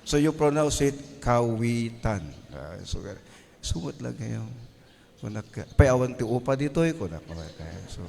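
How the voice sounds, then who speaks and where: A man's voice: mid-range voice, very animated, measured pace, gravelly, darkish tone. A man with a Filipino accent, a parish priest preaching a Mass homily who keeps asking the congregation "Amen?" and mixes Ilocano with English. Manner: preaches to a congregation, often asks "Amen?" for a reply; mixes Ilocano with English, tells stories from his own ministry. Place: large church. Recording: long church reverb.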